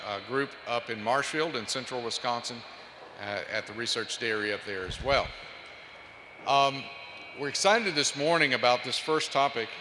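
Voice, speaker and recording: A man hosting a conference session speaks in a bright, forceful voice that carries a long echo through a big hall. He hesitates a lot and fills the gaps with "uh." A faint hiss runs underneath. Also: mid-range voice. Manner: hesitant, many "uh" fillers. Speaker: research center director, session host. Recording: reverberant hall with faint noise.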